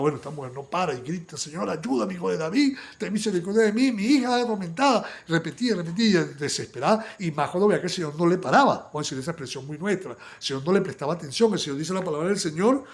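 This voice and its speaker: Fervent higher-voiced male preacher. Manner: fervent, many restarts and repetitions, swings between loud bursts and quiet asides. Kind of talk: sermon, Bible study.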